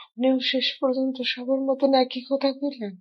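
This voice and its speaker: An actress playing a wronged young wife who pleads and apologizes. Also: female voice, high-pitched, level tone, normal speed, muffled recording. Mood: pleading. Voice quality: pleading, tearful. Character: wronged young wife back from work abroad.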